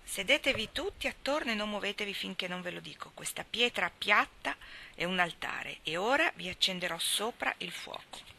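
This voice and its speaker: A woman's voice: medium pitch, animated, normal speed, creaky, pushed and bright, a little hiss or hum. A woman voicing a solemn, bossy little boy who plays a priest in a storybook reading, speaking in a commanding way.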